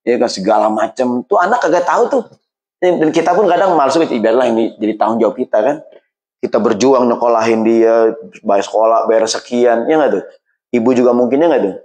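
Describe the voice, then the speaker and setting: A man preaching in an easygoing, humorous way. He keeps checking with the listeners, acts out little everyday squabbles, and slows down deliberately when he recites Arabic verses. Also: mid-range voice, a little mellow. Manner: keeps asking the listeners "right or not?"; acts out quarrels in everyday voices. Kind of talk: casual humorous sermon.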